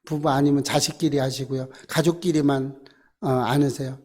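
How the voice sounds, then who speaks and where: A man, a pastor, preaching a Wednesday sermon in church, repeating short commands and swinging from loud exhortation to hushed asides. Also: mid-range voice, steady tone, moderate pace. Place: church sanctuary.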